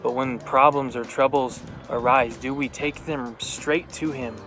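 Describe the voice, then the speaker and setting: Bright-voiced man in a casual devotional vlog. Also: mid-range voice, steady tone, unhurried, soft background music. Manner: plain-spoken, conversational and reflective. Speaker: host of a Bible devotional video. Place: outdoors in a backyard.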